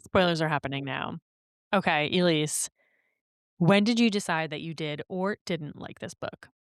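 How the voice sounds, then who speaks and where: Young woman, casual podcast co-host, smooth resonant voice, dry close recording. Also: deep voice, no echo. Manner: conversational, quick agreeing interjections. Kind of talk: casual book chat.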